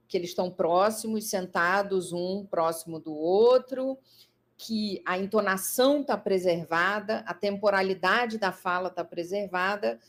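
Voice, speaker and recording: A psychologist guest with a Brazilian Portuguese accent lays out her ideas in a conversational talk. Her medium-pitched voice is thoughtful, with lively emphasis and plenty of fillers and restarts.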